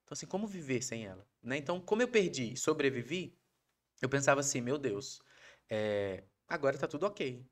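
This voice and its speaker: Fast-talking Brazilian man telling stories. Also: medium pitch. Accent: Brazilian Portuguese. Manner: animated, acts out quoted voices of his wife. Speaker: podcast guest. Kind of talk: casual storytelling interview.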